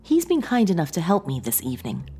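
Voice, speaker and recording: A woman voicing a soft-spoken, eerily calm estranged wife in a horror story, sweetly menacing. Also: lowish voice, a little fast, a little hiss or hum, pitched above the performer's own voice.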